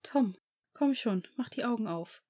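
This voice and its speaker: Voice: mid-range voice, animated, normal speed, warm tone, close to an everyday voice. A reader voicing a desperate, loyal young man in a fan audiobook, pleading and sobbing. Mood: tearful.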